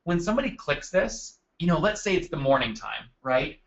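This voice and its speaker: A man's voice: a little high, very animated, normal speed, gravelly, fairly bright tone, highs cut off. A man hosting a live marketing webinar from his desk, upbeat and chatty, calling on attendees by name. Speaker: webinar host. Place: at a desk indoors.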